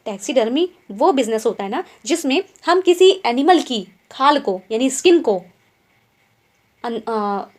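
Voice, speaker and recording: Lively high-voiced woman teaching vocabulary. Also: measured pace. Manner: keeps asking quiz questions and tag checks like "ठीक है?"; explains in Hindi mixed with English words. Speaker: English exam teacher. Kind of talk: online vocabulary lesson.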